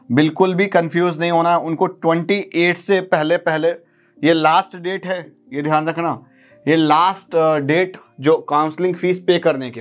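A man in his thirties explaining a step-by-step process to students in a teaching video, often checking in with a quick question. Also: fairly high pitch. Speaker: counselling guide. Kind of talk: explanatory lesson. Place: studio with blackboard.

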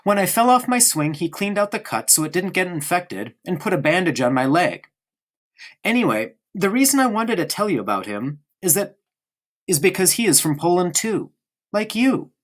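Pitched above the performer's own voice yet medium overall, this audiobook narration of a stubborn, talkative little boy has big pitch swings and a normal pace. He sounds eager and insistent.

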